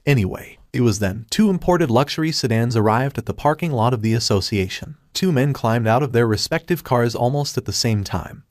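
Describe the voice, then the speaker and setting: Man, manhwa recap narration, even storytelling, mid pitch, dry recording. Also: fairly quick, hardly any pauses, no echo.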